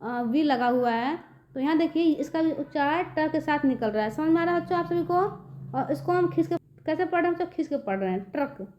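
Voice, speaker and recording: A woman's voice: high voice, fairly quick, muffled recording, slight background noise. A woman teaching young children a reading lesson, speaking patiently and often checking whether they understand. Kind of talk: children's online Hindi lesson.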